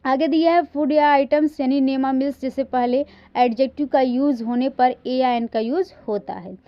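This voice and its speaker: A woman teaching an English grammar lesson in a classroom lecture style. She reads example sentences slowly, stresses each word, and often checks in with her listeners. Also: high voice, highs cut off.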